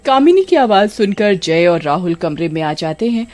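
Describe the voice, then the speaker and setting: Female storyteller, steady scripted narration of a scary tale. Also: lowish voice, normal speed, faint music behind.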